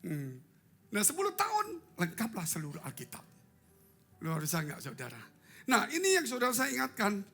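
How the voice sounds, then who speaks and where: A male pastor preaching a live church sermon, swinging from loud cries to hushed asides and putting questions to the congregation. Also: high-pitched, huge pitch swings, moderate pace, creaky, husky, faint music behind. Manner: humorous, asks the congregation questions. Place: church sanctuary.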